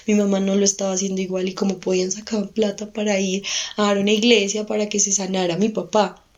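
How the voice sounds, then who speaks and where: A woman's voice: medium pitch, a little mellow. Hesitant woman telling her story. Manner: hesitant, halting, with frequent restarts. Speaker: podcast guest. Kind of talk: personal storytelling interview.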